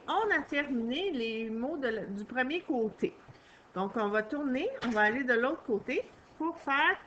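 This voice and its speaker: Female schoolteacher, slow patient delivery, faint background hiss. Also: fairly high pitch, sharp tone, lo-fi sound. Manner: slow, patient, addresses the child directly. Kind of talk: recorded spelling lesson for a young pupil.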